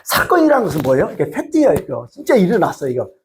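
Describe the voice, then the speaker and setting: A man's voice: sits high, rapid-fire, a little hiss or hum. A male pastor preaching a sermon, telling stories and asking the congregation rhetorical questions. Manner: lively storytelling with rhetorical questions.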